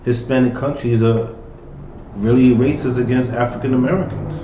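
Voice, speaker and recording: A man's voice: medium pitch, steady tone, moderate pace, noisy background. A man co-hosting a casual podcast, blunt and opinionated, often laughing. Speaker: podcast co-host. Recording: echoey room, dull lo-fi sound.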